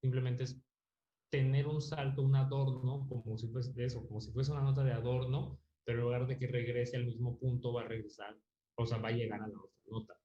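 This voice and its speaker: A man teaches a music theory class online, explaining patiently, thinking aloud with fillers, and often checking in with tag questions. His warm, medium-pitched voice moves fairly quickly with little pitch variation, and the audio is dull, roomy, and lo-fi.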